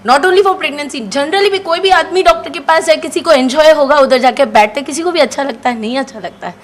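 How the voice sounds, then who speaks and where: A woman in her thirties telling a lively personal story and acting out the dialogue, with English phrases mixed in. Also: high-pitched, brisk. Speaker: session participant sharing a testimonial.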